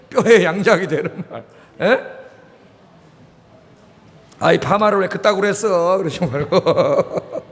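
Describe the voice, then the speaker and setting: A middle-aged male pastor from Korea preaching a sermon, asking the congregation questions and repeating key words. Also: sits high. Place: church sanctuary. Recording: reverberant church hall.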